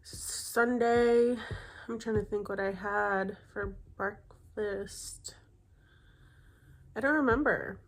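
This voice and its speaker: A young woman chats to her camera in a loose, rambling vlog, pausing on fillers and correcting herself as she goes. Her voice sounds stuffy and congested, and she sits at a middling pitch for a woman. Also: steady tone. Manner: rambling, chatty, many fillers and self-corrections. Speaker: vlogger. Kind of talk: casual chat.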